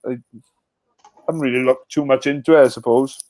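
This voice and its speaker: A man co-hosting a casual live rugby stream, giving his views in relaxed, teasing banter. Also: medium pitch, fairly quick, no echo. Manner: laid-back, teasing banter. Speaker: co-host.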